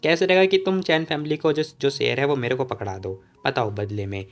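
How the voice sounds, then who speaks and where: A man's voice: mid-range voice, brisk, natural voice. A man doing a taunting vengeful young hero. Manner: cold, taunting, threatening. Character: furious young male martial hero seeking revenge.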